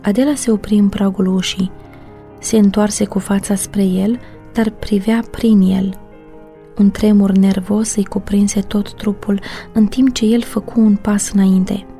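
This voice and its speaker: A woman narrating a novel as an audiobook in a steady, measured storytelling manner. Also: mid-range voice, faint music behind.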